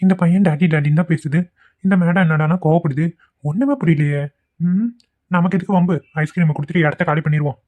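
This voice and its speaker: A man voicing a gentle young man in a cartoon who pleads earnestly and gets flustered. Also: on the high side, fast, close to an everyday voice. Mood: worried. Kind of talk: cartoon voice acting. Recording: tinny phone-like recording.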